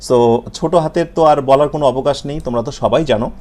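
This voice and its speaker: A man with a Bengali accent teaching English letters and pronunciation in a video lesson, repeating sounds slowly and asking and answering his own questions. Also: mid-range voice, warm tone.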